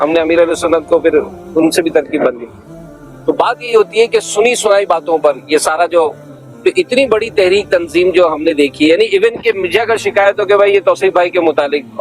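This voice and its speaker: A man's voice: high-pitched, rough recording. A man, a guest on a religious talk show, telling anecdotes and acting out the dialogue.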